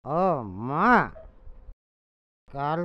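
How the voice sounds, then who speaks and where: A man playing a drunken, abusive husband and father in a melodramatic short film, drawling with long pauses. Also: a little high, smooth, no room sound, highs cut off. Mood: maudlin, drunk.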